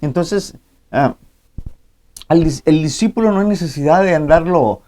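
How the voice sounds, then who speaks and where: Guy pastor preaching in church, kinda high voice, keeps saying amén and verdad. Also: measured pace, warm tone. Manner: preacherly, reads scripture aloud, addresses congregation as brothers; frequent interjected amén and ¿verdad?. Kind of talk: sermon.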